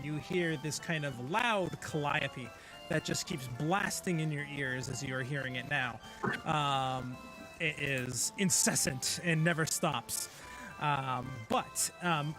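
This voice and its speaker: A man narrating a tabletop game as game master, rambling and filling pauses with ums and uhs. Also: on the high side.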